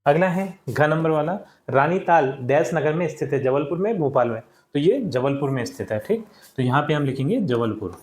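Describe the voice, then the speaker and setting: A man's voice: fairly high pitch, lively intonation, moderate pace, a little mellow, roomy sound. A male teacher patiently walking children through answers step by step in a classroom lesson. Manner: patient, explains step by step, often addresses children.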